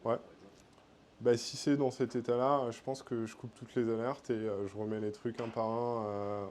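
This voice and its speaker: Casual French tech speaker, mellow tone. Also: male voice, mid-range voice, little pitch movement, moderate pace, slight background noise. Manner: casual, many fillers. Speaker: conference speaker. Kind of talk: tech meetup talk. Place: meetup room.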